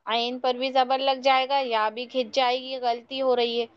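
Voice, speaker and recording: A woman's voice: high voice, level tone, a little slow, smooth, muffled recording. A woman teaching Quran recitation in an online class, patiently correcting her students step by step.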